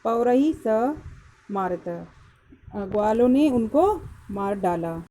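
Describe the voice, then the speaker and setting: A woman's voice: fairly high pitch, animated, takes it slowly, dark tone, a little hiss or hum, rough recording. A woman teacher explaining a lesson line by line, patiently repeating each phrase and then explaining it word by word.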